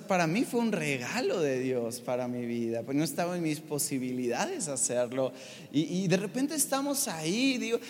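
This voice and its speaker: A man preaching a sermon, telling a personal story in an animated way and putting questions to the congregation. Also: high-pitched, in a large hall. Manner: animated, addresses the audience with questions.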